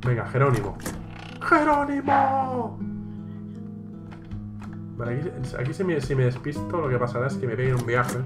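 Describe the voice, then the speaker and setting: A man from Spain with a mid-pitched voice talks through a horror game as he plays, reading the on-screen text aloud and cursing whenever it trips him up. He sounds like he is in an echoey room, with the game's music playing clearly behind him. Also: quick pace, hardly any pauses. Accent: Spain Spanish. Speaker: let's play gamer. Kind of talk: gameplay commentary.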